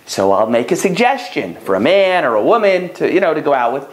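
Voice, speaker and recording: A man's voice: on the high side, fairly quick. A man in his thirties, a rabbi and matchmaker, giving casual advice straight to the camera and acting out callers' lines. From United States. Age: 30s. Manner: animated, conversational, acts out callers' lines. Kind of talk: direct-to-camera advice talk.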